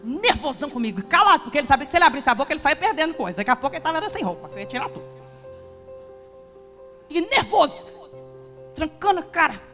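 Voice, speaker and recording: Female preacher, high register, fervent delivery, reverberant church hall with faint music. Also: sing-song, quick pace, long pauses. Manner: impassioned, shouting at peaks. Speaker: pastor. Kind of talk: sermon.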